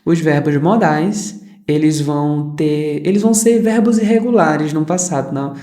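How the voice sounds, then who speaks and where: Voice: medium pitch, moderate pace, mellow. An English teacher, patiently explaining grammar in a recorded lesson, repeating examples and checking in with the listener. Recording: echoey room.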